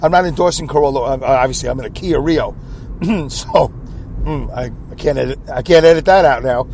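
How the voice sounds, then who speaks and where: Sitting in his car, this podcast host delivers a rambling solo monologue fairly quickly. His voice is medium-pitched, darkish and scratchy, and he keeps clearing his throat and putting himself down.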